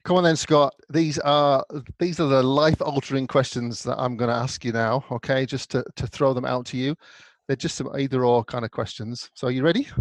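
A man's voice: mid-range voice, steady tone, fairly quick, dry recording. A man co-hosting a podcast, chatting in a playful, joking, easygoing way. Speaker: podcast co-host. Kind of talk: casual podcast chat.

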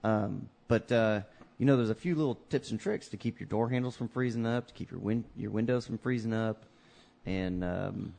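A man's voice: lowish voice, moderate pace, creaky, mellow. A man co-hosting a podcast, casually giving practical tips in a laid-back way. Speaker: podcast co-host. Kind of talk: casual chat.

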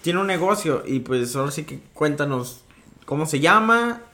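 A man co-hosting a casual chat, halting and restarting, laughing along. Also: a little high, expressive, bright, forceful tone. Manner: hesitant, frequent restarts, laughing. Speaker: podcast co-host.

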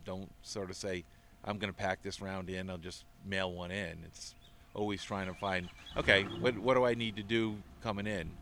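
A middle-aged man, an avid golfer guesting on a golf podcast, spins rambling stories in a chatty, casual interview. His low voice holds a fairly even intonation at normal speed with few pauses, and the background is noisy.

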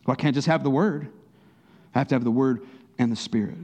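A man preaching a sermon as pastor, talking conversationally, rising in bursts of emphasis and dropping to a soft near-whisper in prayerful moments. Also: medium pitch, a little fast, highs cut off.

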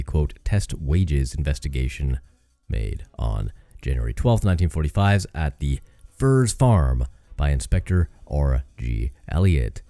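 A man's voice: a bass voice, mellow, no room sound. A man hosting a true-crime podcast, reading out case notes in a casual way and breaking off for joking asides and the odd curse word. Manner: swears casually. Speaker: podcast host.

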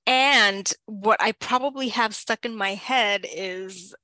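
A woman co-hosting a casual book chat podcast, playful and effusive, her voice rising loud and dropping soft as she talks. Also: mid-range voice, slow pace, dry recording, rough recording. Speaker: podcast co-host.

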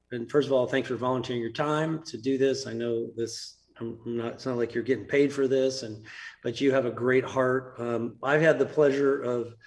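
A man hosts a relaxed podcast interview, friendly and loose, circling back through his sentences with plenty of fillers. His voice sits at an ordinary middle pitch for a man. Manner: friendly, rambling, many fillers and restarts. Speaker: podcast host and business coach. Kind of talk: casual interview.

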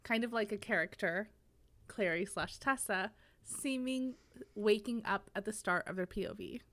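Female podcast co-host, mid-range pitch, laid-back and conversational. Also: moderate pace. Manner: relaxed, conversational, many fillers. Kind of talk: casual book discussion.

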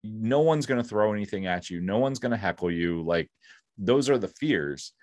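A man's voice: on the low side, expressive, moderate pace, darkish tone. A man hosting a podcast interview, asking questions and offering upbeat encouragement like a speaking coach. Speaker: podcast host. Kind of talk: casual interview.

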